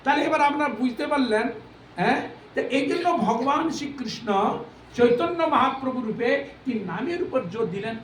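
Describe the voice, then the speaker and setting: A man's voice: extremely high pitch, lively intonation, fairly quick. A man giving a devotional sermon, asking rhetorical questions, repeating phrases for emphasis and breaking into sung verses. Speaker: preacher. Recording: echoey hall, mic at a distance, faint noise.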